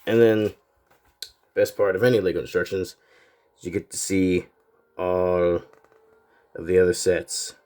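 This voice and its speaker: A man with a deep voice casually reviews a toy set, sounding congested and slightly nasal from a cold. He talks in an unhurried, relaxed way, rambling with plenty of fillers and long pauses.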